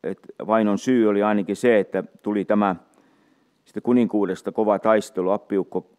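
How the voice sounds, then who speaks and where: A man teaching from the Bible in an unhurried way, reading scripture aloud between his own remarks. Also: fairly low pitch, fairly even intonation, a little mellow. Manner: unhurried, many fillers and restarts, reads scripture aloud. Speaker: preacher.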